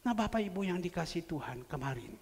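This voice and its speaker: A male pastor preaching a sermon, telling stories with big swings from loud cries to hushed whispers. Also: high-pitched, expressive, quick pace, in a large hall. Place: church sanctuary.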